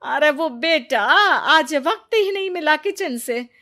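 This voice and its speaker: A woman's voice: high-pitched, expressive, slow, pushed and bright, exaggerated voice. A woman voicing a lazy, scheming middle-aged mother-in-law in a cartoon story, making sly excuses. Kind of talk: cartoon voice acting.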